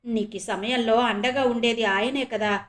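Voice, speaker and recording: A soft-spoken, humble caretaker mother in a storybook audio novel, played by a woman narrator. Her tone stays gentle and tender, a touch high in pitch. The speech is devoted and modest. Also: steady tone, unhurried, close to an everyday voice.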